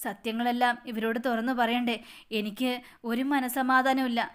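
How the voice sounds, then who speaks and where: A woman's voice: on the high side, flat delivery, normal speed, fairly bright tone, clear, resonant tone, natural voice. Woman voicing an anxious pleading young man. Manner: pleading, urgent. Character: young man, distressed then vengeful.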